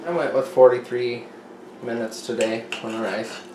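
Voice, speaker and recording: A man with a mid-range, steady voice talks at a normal pace, casually walking through his home meal prep step by step as he cooks at the stove. The room is echoey, and kitchen sounds come through clearly, with a pan sizzling and food being stirred.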